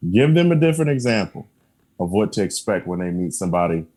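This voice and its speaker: A man's voice: on the low side, sing-song, fast, a little mellow. A man talking as a podcast guest in casual conversation, earnest and emphatic, often repeating his affirmations and laughing between points.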